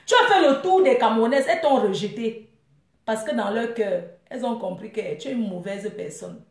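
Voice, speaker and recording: A young woman vlogs a taunting live rant against a rival, her tone mocking and full of scorn, with frequent laughter. She speaks at a normal speed in a voice on the high side, recorded in an echoey space.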